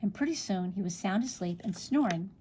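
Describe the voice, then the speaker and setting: A woman reading a children's picture book aloud, expressive, with small slips and restarts. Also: mid-range voice, a little fast, a little hiss or hum. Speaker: storybook reader.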